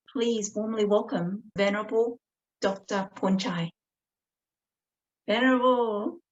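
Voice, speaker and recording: Over a video call, a woman emcees an online Buddhist event, offering polite, gracious thanks and warm shout-outs to people in the live chat. Her voice is fairly high with a darkish, breathy quality, and the stream audio is dull and lo-fi.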